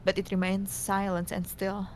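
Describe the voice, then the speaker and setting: A woman's voice: monotone, moderate pace. A woman narrating a scripted game story aloud, now and then stumbling over the reading. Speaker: co-host reading a visual novel aloud. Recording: noisy, low rumble behind.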